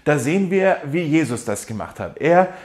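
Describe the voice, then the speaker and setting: A man preaching a sermon in a lively, animated way, acting out quotes and laughing now and then. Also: on the high side, normal speed. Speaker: pastor.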